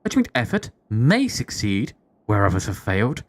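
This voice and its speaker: A woman's voice: very deep voice, wildly swooping pitch, no echo, voice pushed down, full character voice. Woman voicing a grave medieval nobleman. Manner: archaic, grave, measured. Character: stately formal medieval nobleman, man.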